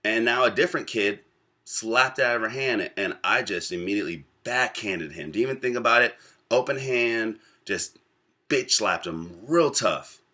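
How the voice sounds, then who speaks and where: A man in his twenties from the United States, telling a personal story to camera in a reflective, pausing way. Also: medium pitch, sharp tone. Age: 20s. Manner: reflective, pausing often between thoughts. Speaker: vlogger.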